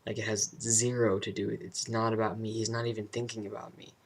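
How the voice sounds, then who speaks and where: A young man talking casually and introspectively about personal matters in a vlog, halting and searching for his words. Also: lowish voice, level tone, husky. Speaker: vlogger.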